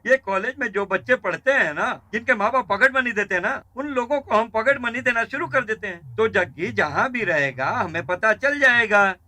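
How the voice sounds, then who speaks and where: A man's voice: high-pitched, animated, moderate pace, hardly any pauses, full character voice. A man dubbing a boastful, scheming gang member in a Hindi-dubbed action film. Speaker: gang member plotting against a rival. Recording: dubbed dialogue over loud film score.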